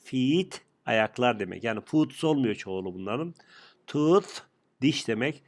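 Man teacher, gravelly voice, joking, drills words by repetition. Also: mid-range voice, expressive, unhurried. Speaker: English teacher. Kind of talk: live online grammar lesson.

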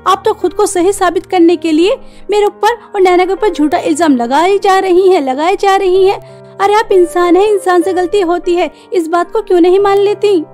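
A woman's voice: high-pitched, unhurried, warm tone, soft background music. A woman doing a gloating, scheming sister-in-law. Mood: indignant. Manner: mocking, gloating.

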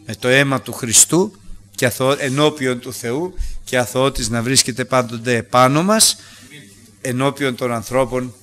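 A man preaching a Bible-study sermon to a congregation without a microphone, swinging from loud acted quotes to soft asides. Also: mid-range voice. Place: church hall without a microphone.

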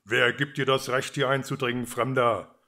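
An aging storybook king, weary and quick to take offence, who stammers and then blusters, read out by a man. He talks in a plain, middle-pitched voice, a little raised when he gets worked up. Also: natural voice. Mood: indignant. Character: aging fussy king, weary and easily irritated.

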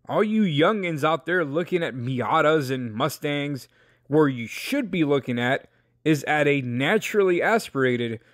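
Brash young male car vlogger, swears casually, light higher voice, dry studio-close mic. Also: dry recording. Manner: brash, joking, swears freely. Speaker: car video host. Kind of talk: casual car review monologue.

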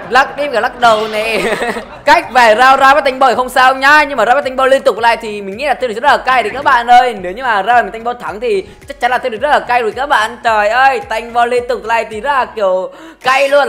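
A woman's voice: fairly high pitch, fairly bright tone. A woman hosting a gaming channel, giving playful, teasing commentary as she plays, laughing often. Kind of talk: casual game commentary. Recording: game music behind the voice.

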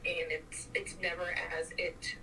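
A woman heard over a distant speakerphone, with a bright, forceful voice and a faint hiss. She answers a sales call cautiously, sounding skeptical. Her pitch is ordinary for a woman. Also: flat delivery, measured pace. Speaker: real estate agent answering a call. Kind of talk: phone conversation.

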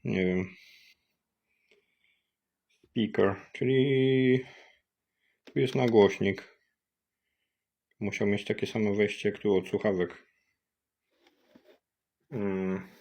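Brief: deeper-voiced guy doing a casual gadget unboxing, unsure and halting, on a cheap USB mic. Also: steady tone, creaky, darkish tone, highs cut off. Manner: hesitant, thinking aloud with many fillers. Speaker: product tester vlogger. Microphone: cheap USB microphone.

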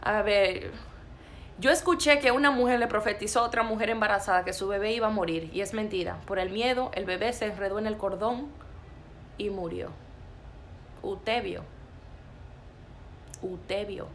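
A woman's voice: medium pitch, normal speed, pauses often, slight background noise. Emphatic woman preaching a sermon. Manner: emphatic, repetitive and forceful.

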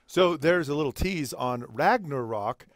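A man's voice: a little high, expressive, unhurried, dry recording, studio quality. A man co-hosting a sports talk show, joking and playfully quizzing his partner. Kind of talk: casual chat.

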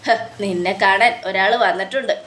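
A woman's voice: mid-range voice, moderate pace, a bit bright, close to an everyday voice. A woman voicing a vengeful young man who mocks and accuses his enemy in a retold TV serial. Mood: mocking. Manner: mocking, accusing. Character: young man, vengeful and sarcastic toward villain.

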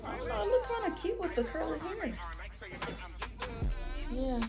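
A woman's voice: very high voice, very animated, normal speed, music in the background, crowd noise. Chatty Southern woman vlogging at home. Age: 30s. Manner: chatty, playful, talks straight to viewers. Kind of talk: casual vlog chat to camera. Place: home bedroom.

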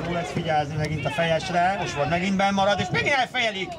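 A man giving excited live football commentary, exclamatory and moving between description and outbursts. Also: high-pitched, over loud music. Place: outdoor small football ground. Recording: noisy outdoor stadium recording, loud crowd. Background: loud crowd and outdoor noise.

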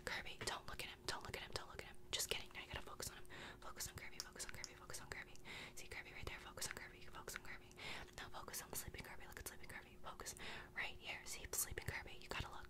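A young woman whispering fast, aggressive ASMR close to the microphone, breathy and unvoiced, giving insistent, repetitive commands straight to the listener. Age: young adult. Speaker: ASMR performer. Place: bedroom, indoors. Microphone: close desktop condenser microphone with foam cover.

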